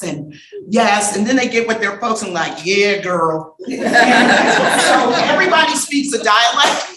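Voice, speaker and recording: A woman giving a conference lecture, lively and humorous, bantering with the audience and calling for the next slide. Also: fairly high pitch, noisy background. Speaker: conference speaker. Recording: roomy hall sound.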